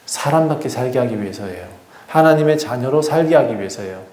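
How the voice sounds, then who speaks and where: A man's voice: mid-range voice, lively intonation, brisk, darkish tone, a little hiss or hum. Conversational pastor man in an echoey church. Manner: conversational, addresses the congregation with questions and prompts. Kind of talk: sermon. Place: church sanctuary.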